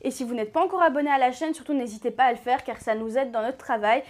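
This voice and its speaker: A woman's voice: high voice, quick pace. A woman hosting a sewing channel, talking casually to camera in a chatty, rambling way with many fillers and self-corrections. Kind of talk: casual vlog talk to camera.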